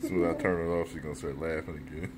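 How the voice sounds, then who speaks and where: Woman behind the camera, very low register, casual teasing, clearly noisy home recording. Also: fairly even intonation, very fast. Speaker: person filming. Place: living room, indoors. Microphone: phone, held while filming.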